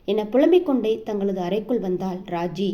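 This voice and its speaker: A woman narrating a romance novel in a steady storytelling voice. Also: medium pitch, normal speed.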